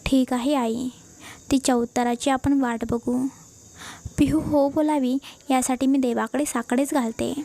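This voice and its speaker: A woman's voice: sits high, steady tone, unhurried, warm tone. A woman voicing a polite, hopeful middle-aged daughter-in-law. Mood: eager. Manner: polite, eager.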